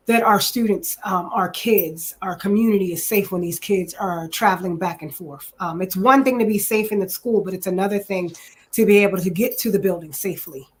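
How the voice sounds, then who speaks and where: A woman's voice: lowish voice, moderate pace, slight background noise. A chatty woman in her forties, from New Jersey, talks in a casual interview. She fills her talk with ums and says "literally" often. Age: 40s. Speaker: guest. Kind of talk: casual interview self-introduction.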